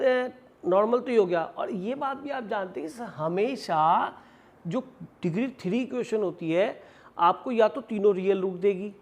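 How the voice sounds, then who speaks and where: A mathematics teacher with a high, slightly mellow voice lectures his classroom step by step, raising his own questions and answering them. He calls his students "beta" affectionately, and his Indian-accented talk switches between Hindi and English math terms.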